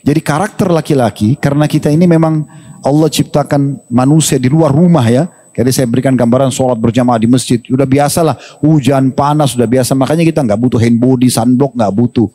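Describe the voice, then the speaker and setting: A man preaching in an animated, humorous question-and-answer talk, acting out quoted dialogue. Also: mid-range voice, a little fast. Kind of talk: religious Q&A talk. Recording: long hall reverb.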